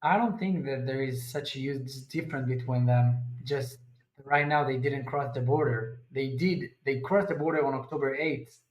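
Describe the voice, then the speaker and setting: A man from Israel, a guest and army reservist, answering in earnest, halting full of restarts. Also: mid-range voice. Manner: earnest, halting non-native English with restarts. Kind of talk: interview answers. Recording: echoey room.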